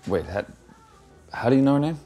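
A man's voice: mid-range voice, sing-song, a little fast, highs cut off, soft background music. An actor in his thirties playing an evasive, dryly sarcastic bartender. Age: 30s. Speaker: burnt-out bartender. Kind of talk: film dialogue.

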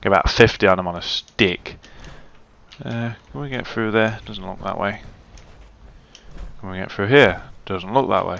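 A man's voice: fairly low pitch, moderate pace, creaky, long pauses, a bit bright, lo-fi sound. A man giving casual, muttering gameplay commentary and swearing freely. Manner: chatty, swears, mutters to himself. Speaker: let's play gamer.

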